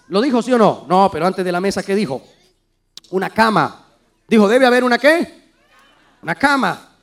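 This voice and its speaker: A middle-aged male pastor preaching a sermon, emphatic and lively, quizzing his congregation with call-and-response questions and acting out little everyday scenes. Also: very high-pitched. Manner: acts out little everyday dialogues, occasional shouted emphasis.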